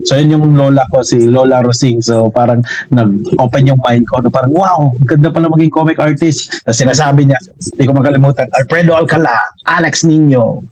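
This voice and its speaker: A man from Mindanao with a Filipino accent, a guest comic artist telling stories in a lively, animated way in a casual talk. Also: medium pitch, a little fast, poor audio. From Mindanao, Philippines. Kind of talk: casual storytelling.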